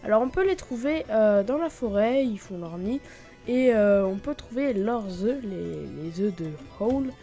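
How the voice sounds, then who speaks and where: A woman giving a chatty, excitable commentary while showing a game mod, with lots of fillers and sudden exclamations. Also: medium pitch, unhurried, faint music behind. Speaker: gaming YouTuber. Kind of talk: Minecraft mod showcase commentary.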